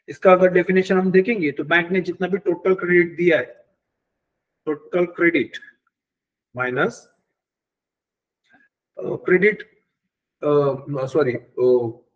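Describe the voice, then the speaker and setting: A man teaches a banking exam class online, building each idea from a worked example. His voice sits high and a little husky. He stops often to check that his students are following. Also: rough recording. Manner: explains step by step with worked examples, mixing English terms. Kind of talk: online lecture.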